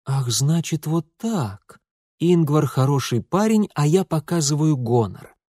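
A man's voice: a little high, lively intonation, a little slow, mellow, no room sound, voice pushed up. A proud young nobleman with a hot temper, as a male narrator puts him on. He speaks in a raised, cutting voice, cold and biting. The sound is dry and close. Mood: angry. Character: proud touchy young nobleman, quick to anger.

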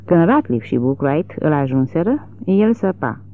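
Narrator reading a novel aloud, pitch jumps all over, sounds like it's coming through a phone. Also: no echo. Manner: expressive, dramatic reading. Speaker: audiobook reader. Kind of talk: literary audiobook narration. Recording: tinny phone-like narrow sound.

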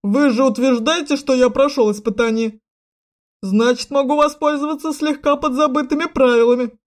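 A woman narrator doing an arrogant young prince in a storybook reading. He barks short commands loudly and sneers at everyone around him. The voice sits a little below the reader's own high tone. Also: fairly even intonation, normal speed, natural voice. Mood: mocking. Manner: loud, sneering, clipped commands.

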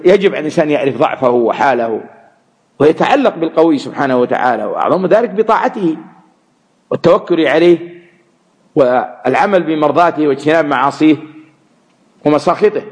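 A man teaching Quran commentary, measured and repeating words to stress them. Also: on the high side, animated, darkish tone. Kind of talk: religious lesson explaining verses.

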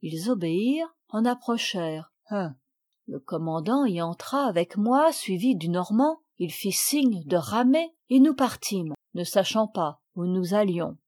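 A woman narrating a children's novel as an audiobook reader, in a measured, expressive way. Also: medium pitch.

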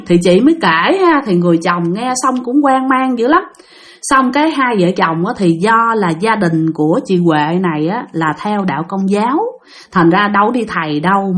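Chatty woman storyteller. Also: mid-range voice. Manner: chatty, addresses listeners directly. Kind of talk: casual ghost-story narration.

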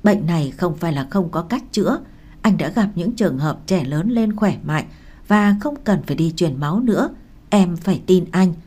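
A woman's voice: fairly low pitch, expressive, normal speed, mellow, breathy edge. A woman reading the lines of a devoted young man who earnestly reassures his wife, in an audiobook. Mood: reassuring.

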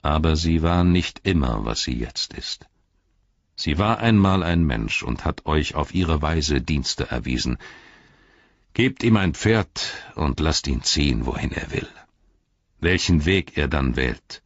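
A man playing a stern old wizard with a very deep, husky, measured voice. It sits dry and close, with a slightly dull sound. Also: lively intonation, no echo, exaggerated voice. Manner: low, grave, measured.

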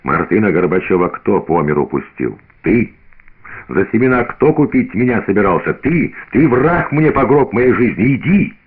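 A man voicing a fierce, proud peasant woman who shouts accusations, on a tinny old radio recording. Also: on the low side, big pitch swings, normal speed, slightly rough. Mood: furious.

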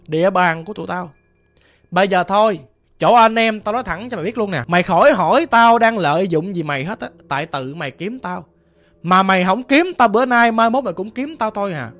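A menacing gang boss who worships a vengeful spirit, as a storyteller puts him on, talking low and slow. His speech is measured and threatening. Faint music plays beneath the voice. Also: a bit bright, lightly acted. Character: menacing male cult leader, gang boss.

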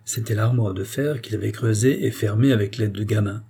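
A male audiobook narrator reading a classic novel with measured, steady pacing. His voice is dark and mellow, with a husky edge. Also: fairly low pitch.

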